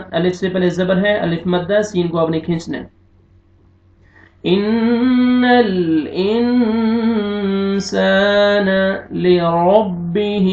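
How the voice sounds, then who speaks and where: A male Quran teacher with a Pakistani Urdu accent, reciting verses in long drawn-out phrases and explaining tajweed rules quickly in between. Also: on the high side, vocal fry. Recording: roomy, dull lo-fi recording.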